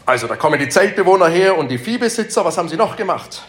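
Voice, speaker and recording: Male Bible teacher, slightly high, very animated delivery, quizzes the group, echoey room. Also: fast talker. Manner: keeps asking the group questions, repeats their answers; emphatic repetitions. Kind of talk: interactive Bible lesson.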